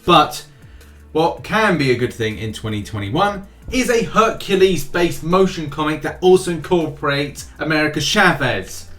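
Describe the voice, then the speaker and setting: A man with a somewhat high, slightly bright voice speaks at a normal speed with lots of expression. He hosts a mobile game news channel and runs through a gaming news update for his viewers, chatty and casual, tossing in jokes and leaning into an emphatic, sing-song delivery. Background music plays underneath.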